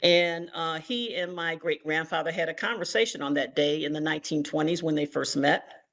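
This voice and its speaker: An older woman from Ohio giving an online history lecture as guest author, measured and filled with ums and uhs. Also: low-pitched, a bit bright. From Toledo, Ohio, US. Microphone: video call.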